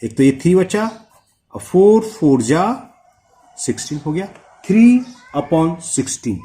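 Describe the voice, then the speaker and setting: A young man with a somewhat high voice teaches a whiteboard maths lesson. He talks each step through, keeps asking "what does this become?", and drags out the formulas word by word. It sounds close-miked and direct. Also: sing-song, mellow. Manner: explains step by step with many quick questions to the viewer; slows right down to read out formulas.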